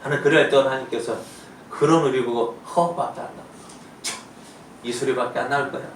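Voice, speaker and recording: A male pastor delivers a sermon from a distance in an echoey church sanctuary. He talks emphatically, shifting between loud, pleading lines and quiet asides. A faint hiss sits under the recording. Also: mid-range voice.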